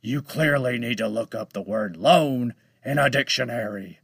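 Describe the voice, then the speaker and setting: A man voicing a menacing giant talking male shark in a storybook, speaking with slow, heavy, drawn-out menace. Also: mid-range voice, vocal fry, a bit bright, breathy edge, no room sound, studio quality. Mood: scornful. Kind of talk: storybook read-aloud.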